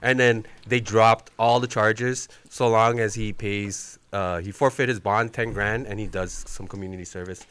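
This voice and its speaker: A man's voice: fairly low pitch, fairly even intonation, normal speed, hardly any pauses, fairly bright tone, a little hiss or hum. A man co-hosting a live stream, chatting casually with friends over food, laughing often and tagging lines with "right?". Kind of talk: casual chat. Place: room with friends sharing food.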